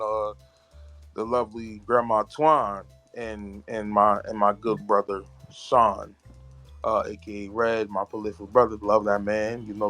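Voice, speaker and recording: A man's voice: lowish voice, a bit bright. A man being interviewed about his writing, earnest and often searching for words. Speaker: guest, author and poet. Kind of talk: casual interview chat.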